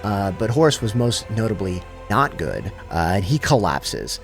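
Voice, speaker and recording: A man's voice: lowish voice, very animated, measured pace, vocal fry, music in the background. A man casually retelling a long story in loose, slangy everyday speech, paraphrasing the characters as he goes. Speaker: lore channel host. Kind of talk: casual abridged lore retelling.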